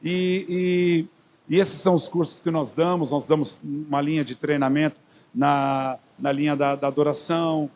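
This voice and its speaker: A pastor from São Paulo, Brazil, in his fifties, greets his congregation and introduces himself ahead of a sermon, joking conversationally with plenty of fillers and restarts in a São Paulo Portuguese accent. His voice is on the high side and darkish, flat in delivery at a normal speed, with slight background noise.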